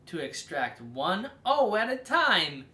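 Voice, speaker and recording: A theatrical reader leads a children's story time, unhurried and expressive, leaning hard on key words. The medium-pitched voice ranges widely, and the space gives off a noticeable echo.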